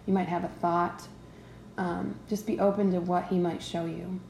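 A woman hosts a devotional teaching podcast in a relaxed, conversational way, often checking in with her listeners. Her voice is mellow and gravelly. It sits in a roomy space with faint ambience behind it. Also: on the low side, normal speed, slight background noise. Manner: conversational, checks in with "right?" and "okay?". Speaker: podcast host teaching faith.

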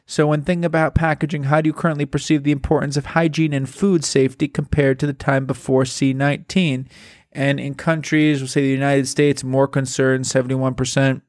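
A man's voice: medium pitch, a little fast, no room sound. A man hosting a show, commenting casually and emphatically while reading a study aloud. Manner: animated, emphatic, repeats words for stress. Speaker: podcast host.

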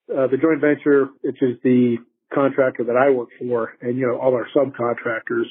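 A man's voice: mid-range voice, slightly rough. A man being interviewed over a bad phone line, giving casual, explanatory answers with some hesitant, approximate phrasing. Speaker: interviewee, dam quality control specialist. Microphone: phone call.

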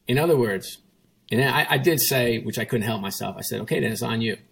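The speaker, an ex-CEO guest in a casual interview, has a mid-range voice that's gravelly, husky and fairly bright, moving a little fast. He narrates a story with emphasis, restating points and quoting both others and himself.

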